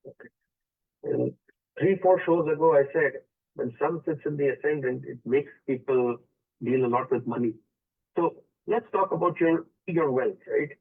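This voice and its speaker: On a call-in radio show, a male astrologer walks a caller through their chart, switching between English and Hindi. He sounds a bit high-pitched and slightly rough, speaking at normal speed, and the audio has a tinny phone-line quality.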